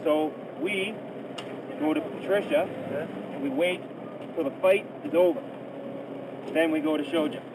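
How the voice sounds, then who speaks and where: A soldier outdoors, speaking in slow, simple words to listeners who do not share his language. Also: a little high, distant mic, background noise. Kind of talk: field talk.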